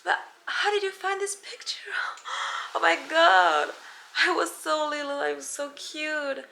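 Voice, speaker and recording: A woman's voice: fairly high pitch, far from the mic, a little hiss or hum. A woman playing a poised actress giving interviews in French-accented English. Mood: gushing. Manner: slow, soft, self-assured interview answers. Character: poised female actress once hated for villain role. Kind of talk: pretend celebrity interview in front of mirror. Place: bathroom. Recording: echoey bathroom.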